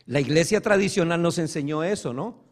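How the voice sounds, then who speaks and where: A man preaching a sermon as pastor, swinging between loud emphatic stretches and soft, hushed asides. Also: a little high, brisk.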